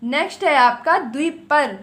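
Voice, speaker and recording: A woman teaching a vocabulary lesson for exam preparation. She drills words in quick lists, repeats the key items and talks firmly and directly to her viewers. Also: high voice, expressive. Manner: addresses viewers directly in a firm, coaxing tone.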